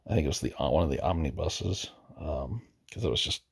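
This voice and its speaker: Deep gravelly man, rambling game talk. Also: expressive, brisk. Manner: rambling, hesitant, self-correcting. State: losing his voice. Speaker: gaming video host. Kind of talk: casual gameplay commentary.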